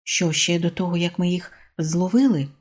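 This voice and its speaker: A woman voicing a young fisherman's son who asks naive, questioning things, in a husky voice. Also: on the low side, normal speed, darkish tone. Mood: puzzled.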